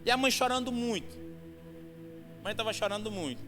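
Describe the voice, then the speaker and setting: Man, very high voice, bright and forceful tone, fervent testimony sermon, long church-hall reverb, soft music behind. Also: brisk. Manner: fervent storytelling, rising to shouts at climaxes. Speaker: preacher giving testimony.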